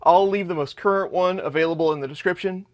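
A man's voice: high-pitched, quick pace. A man in his thirties hosting a hands-on 3D printer build vlog in his home workshop, explaining parts as he shows them. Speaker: channel host.

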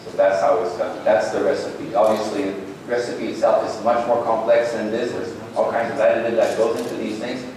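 A man giving a conference keynote in a large ballroom, speaking haltingly with many restarts. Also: fairly low pitch, steady tone, crowd noise. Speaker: company president giving a keynote. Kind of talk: conference presentation. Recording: echoey ballroom from far off.

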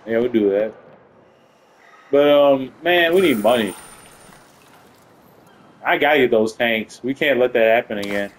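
A man giving excitable, profane live commentary while playing a video game. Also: medium pitch, unhurried, pauses often, slight background noise, low-quality recording. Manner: excitable, profane, swings between panic and triumph. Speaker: gaming channel host. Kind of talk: live let's-play commentary.

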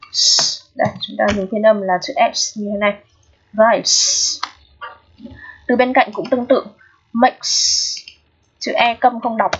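A woman's voice: a little high, slightly rough. A woman teaching an English exam review lesson, patient and repetitive, often checking that students understand. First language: Vietnamese. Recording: dull lo-fi recording.

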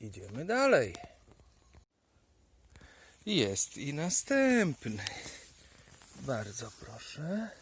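A man foraging in a forest outdoors, playfully talking to the mushrooms he finds as if they were pets, sometimes dropping to a hushed murmur. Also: medium pitch, huge pitch swings, drawn-out words, long pauses, a little hiss or hum. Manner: drops to hushed murmurs now and then. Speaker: vlogger. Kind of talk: casual narration while foraging.

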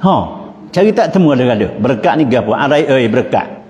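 A man's voice: mid-range voice, fairly quick, crowd noise. Pattani Malay man lecturing in a mosque. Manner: lively, rhetorical questions, frequent chuckles. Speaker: Islamic religious teacher. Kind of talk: religious lecture in local dialect. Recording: long reverb of mosque hall, faint noise.

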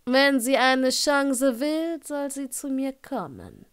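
Give me a curt, dry middle-aged potions master in an audiobook, slow and gruff, as a woman puts him on. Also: high-pitched, animated, voice pushed up.

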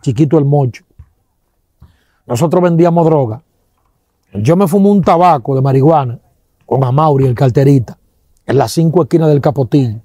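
A man with a Dominican accent giving an animated testimony, acting out sounds and quoting people, with religious exclamations. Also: a little high, normal speed, pauses often, no room sound, clean studio sound.

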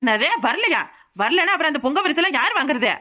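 A woman's voice: high-pitched, lively intonation, fast, pushed and bright. A woman voicing a pushy young village neighbor in a cartoon, nagging and urging, with a Tirunelveli Tamil accent. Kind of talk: cartoon voice acting.

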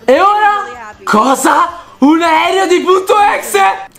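Excitable high-voiced man reacting loudly. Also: takes it slowly, gravelly. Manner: excitable, jokey, bursts into shouted reactions. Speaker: YouTuber host. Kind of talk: reaction video commentary.

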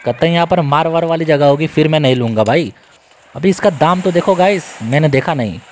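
A young man, giving casual, excitable, joking commentary on a video game as he plays and talks to his viewers. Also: fairly high pitch, brisk, slight background noise. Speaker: gaming YouTuber.

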